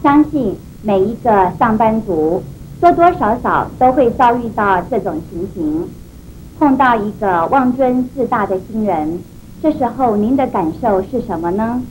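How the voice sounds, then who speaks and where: A woman's voice: fairly high pitch, expressive, unhurried, a little mellow, faint music behind, poor audio. Formal woman presenter with Taiwanese Mandarin accent. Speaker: etiquette expert presenter. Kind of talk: formal scripted instructional address. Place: furnished indoor set at a desk. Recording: dated videotape, faint background noise.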